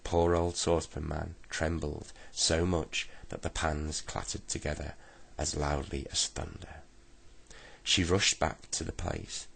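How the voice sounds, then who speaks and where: Man reading a bedtime story, very deep and husky, gentle steady delivery. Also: measured pace.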